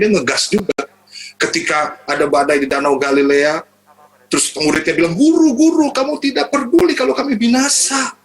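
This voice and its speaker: A man's voice: mid-range voice, poor audio. A young man, a youth pastor, preaching in casual slang mixed with English and acting out quotes. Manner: animated preaching, acts out quotes, swings between loud and soft. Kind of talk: lively sermon mixing casual slang and English.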